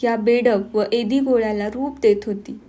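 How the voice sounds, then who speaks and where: Mellow-voiced woman narrating an audiobook. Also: on the high side, steady tone. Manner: measured, earnest storytelling.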